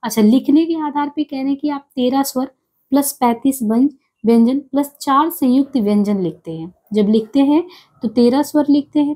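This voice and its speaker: A woman teaching an exam-prep grammar lesson, explaining step by step and repeating each sound and letter slowly. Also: sits high, dark tone, slightly rough.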